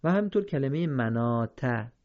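A man teaching Quranic reading in a careful, explanatory lesson, slowing down when he quotes verses. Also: medium pitch, animated, dull audio. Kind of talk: instructional lesson.

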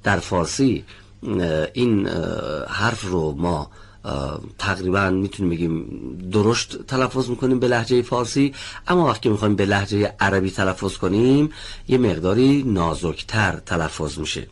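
Man, teacher, low-pitched voice, husky, patient, studio lesson. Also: expressive. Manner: patient, careful, calls on students one by one. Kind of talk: televised pronunciation lesson.

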